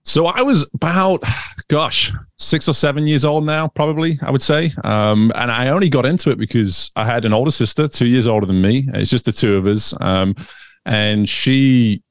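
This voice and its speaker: This guest, a swim coach in his thirties from England, talks casually in an interview with lots of fillers and false starts. His Northern English accent carries American influence, and his voice is medium-pitched at a moderate pace. The sound is clean studio audio with no room sound.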